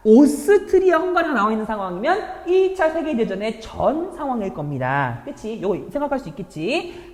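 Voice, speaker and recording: A woman's voice: high-pitched, reverberant, big-room sound. A woman teacher walking students through exam problems in a chatty lecture, often checking in with rhetorical questions. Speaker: high school history teacher.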